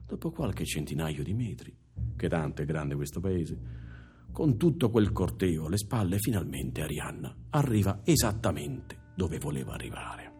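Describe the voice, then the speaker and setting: A man performing a theatrical monologue, telling the story expressively, moving from hushed to emphatic and speaking directly to the audience. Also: extremely low pitch. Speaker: stage performer. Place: theatre stage.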